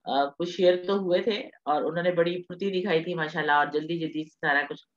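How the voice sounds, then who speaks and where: A woman's voice: on the low side, fairly even intonation, highs cut off. A woman teaching an online class, patient and reassuring, mixing in English terms.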